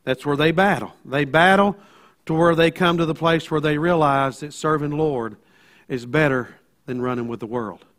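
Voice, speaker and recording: A man's voice: fairly high pitch, moderate pace, fairly bright tone. A man with an Appalachian accent preaching a sermon as a pastor, in a folksy storytelling manner, often checking in with his listeners.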